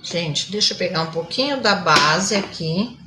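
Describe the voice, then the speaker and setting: A woman's voice: lowish voice, lively intonation, unhurried, background noise. A mature woman giving a live makeup tutorial, chatty, constantly checking in with her viewers. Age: older. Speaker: makeup instructor. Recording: echoey room.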